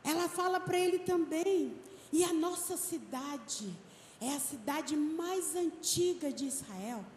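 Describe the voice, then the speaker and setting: High-voiced woman preaching in echoey church. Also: lively intonation, darkish tone, slight background noise. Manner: emphatic preaching, slow and drawn-out stresses. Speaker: pastor. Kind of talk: sermon. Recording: echoey hall with long reverb, faint ambience.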